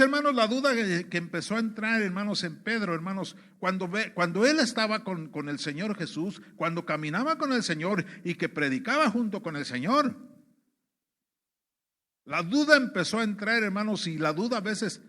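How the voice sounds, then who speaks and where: Male preacher from Mexico, high voice, sermon delivery full of repeated "brothers" and rhetorical questions. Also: expressive, normal speed, pushed and bright.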